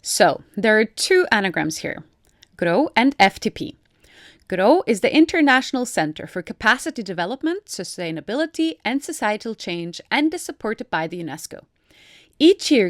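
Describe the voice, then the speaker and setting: A woman's voice: mid-range voice, no echo, clean studio sound. A woman hosting a podcast, chatting playfully and joking with her guest. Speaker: podcast host. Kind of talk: casual interview chat.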